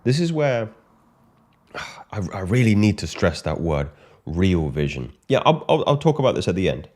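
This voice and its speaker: A British man speaking as a coach in a monologue, measured and emphatic, often repeating his key phrases. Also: fairly low pitch, very animated, darkish tone. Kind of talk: monologue to camera.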